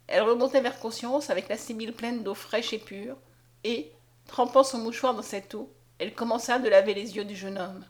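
A woman narrating a classic novel aloud in an expressive, measured way. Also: on the high side. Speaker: audiobook narrator.

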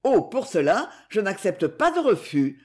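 A woman's voice: medium pitch, very animated, unhurried, a little mellow. Woman reading as a suave, commanding young count. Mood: courteous. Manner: courteous but imperious.

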